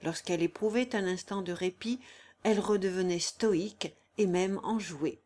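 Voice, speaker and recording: A woman's voice: fairly low pitch, moderate pace, mellow. Woman reading a classic novel aloud. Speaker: narrator.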